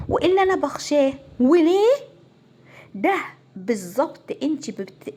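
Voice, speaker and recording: A woman family counselor with an Egyptian Arabic accent, giving a casual, animated talk to viewers. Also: sits high. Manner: animated, conversational, acts out quoted voices.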